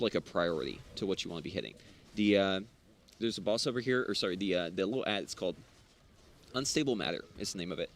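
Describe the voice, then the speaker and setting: A man's voice: fairly low pitch, slight background noise. A young man co-hosting a stream, giving casual live game commentary and explaining mechanics with lots of fillers and restarts. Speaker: stream co-host and caster.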